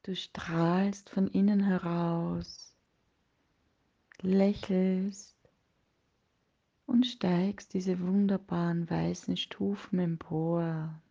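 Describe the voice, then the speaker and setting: A woman leading a guided meditation in a soft, breathy, partly whispered voice, soothing and hushed, with long pauses between phrases. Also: lowish voice, flat delivery, highs cut off.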